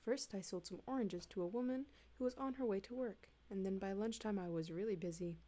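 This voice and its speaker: A woman reading humorous texts aloud in a soft, hushed ASMR style, slipping in and out of whispers, close to a desktop mic at home. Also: mid-range voice, brisk. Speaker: ASMR reader. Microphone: close desktop USB mic.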